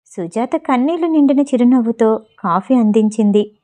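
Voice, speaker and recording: A woman narrating a Telugu family story in a steady, expressive reading style. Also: a little high, moderate pace. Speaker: audiobook narrator.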